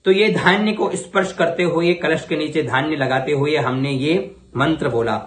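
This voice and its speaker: Speaking at a fairly high pitch with a fairly bright tone, a man gives a Vedic ritual lesson in a reverberant space. Each mantra is chanted slowly, one syllable at a time, so students can follow along, and then he explains it briskly in plain language.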